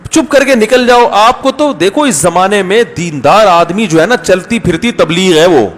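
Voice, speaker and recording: Guy preacher chatting through stories, acts out the other people, lots of hall reverb. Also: high voice. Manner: conversational, anecdotal, acts out voices in stories. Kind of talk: storytelling religious talk.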